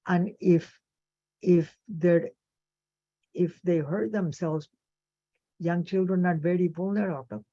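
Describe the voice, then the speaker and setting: A woman psychologist giving a webinar lecture, speaking in a measured, thoughtful way with pauses and fillers. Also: fairly low pitch, steady tone, warm tone. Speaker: child psychologist presenter. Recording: dull lo-fi webinar audio.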